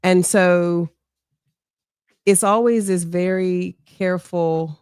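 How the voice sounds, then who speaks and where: The mayoral candidate, a middle-aged woman with a strong voice, answers interview questions with earnest reflection, frequently adding "right?". Her fairly low voice is steady, smooth, and a little mellow, captured in a dry studio-quality recording.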